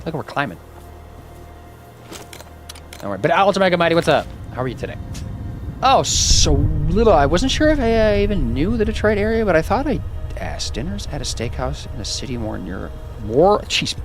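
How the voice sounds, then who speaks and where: Lively rambling man streaming a game. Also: mid-range voice. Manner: rambling, chatty, talks to chat while playing; bursts into loud panicked yelling when scared. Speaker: gaming streamer. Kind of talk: casual let's-play commentary. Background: game music playing clearly.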